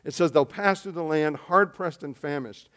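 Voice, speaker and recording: Animated male pastor, higher voice. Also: moderate pace. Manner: animated preaching, swings between loud emphasis and quiet asides. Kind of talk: sermon.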